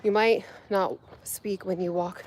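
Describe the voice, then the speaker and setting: A woman's voice: mid-range voice, steady tone, a little slow, darkish tone, slight background noise. Woman vlogging while hiking, breathing hard. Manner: chatty, filler-heavy, greets viewers. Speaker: fitness vlogger. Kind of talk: casual livestream chat while hiking. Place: outdoors on a steep hill walk.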